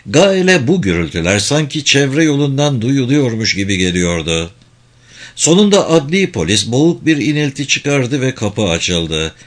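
A man narrating an audiobook in a measured, expressive reading voice. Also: medium pitch.

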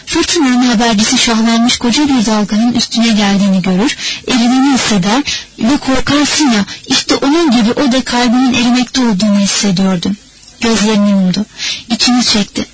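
A woman narrating a novel as an audiobook in a measured, steady reading manner. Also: fairly high pitch, noisy background. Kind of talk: scripted narration.

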